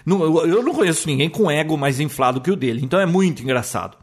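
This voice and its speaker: Co-hosting a laid-back podcast, this Brazilian man with a Brazilian Portuguese accent spins opinionated stories full of restarts. He talks rapid-fire and animatedly, at a fairly high pitch.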